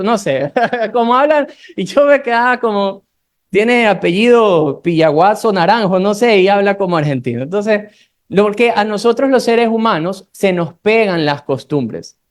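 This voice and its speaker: A preacher from Ecuador with a Guayaquil accent, giving a Bible study sermon, reading scripture slowly and adding friendly asides to the congregation. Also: medium pitch. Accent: Guayaquil Ecuadorian Spanish. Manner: slows down when reading scripture aloud, conversational asides to the congregation.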